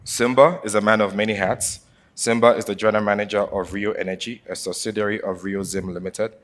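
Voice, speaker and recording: Deep-voiced panel moderator from Africa, lively and formal. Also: male voice. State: coughing from allergies.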